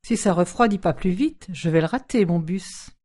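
A woman's voice: fairly low pitch, animated, normal speed, warm tone. An actress playing a self-assured, chatty cleaning woman who gives advice with authority. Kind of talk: audio drama acting.

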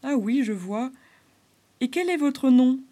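A patient, wise male beaver, voiced by a woman reading a story. His voice stays close to her own, mellow and kindly. He explains things gently. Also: high-pitched, lively intonation, slow pace, voice pushed up.

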